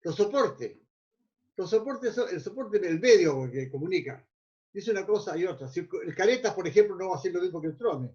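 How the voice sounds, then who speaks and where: Expressive and a bit fast, a man with a fairly high, somewhat mellow voice teaches a mindfulness class. He rambles loosely and stumbles over repeated words while finding his next phrase, in a muffled, lo-fi recording.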